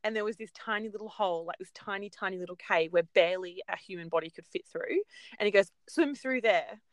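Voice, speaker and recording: A guest in her thirties with an Australian accent tells stories in a casual chat, full of ums. Her mid-range voice moves a little fast and sounds animated, with no room sound at all.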